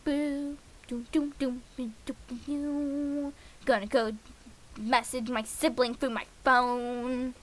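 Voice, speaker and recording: Slow and high-pitched, with little movement in her pitch, a woman streams a visual novel and reads it out loud. The game streamer keeps things playful, scatting nonsense syllables and muttering to herself between lines.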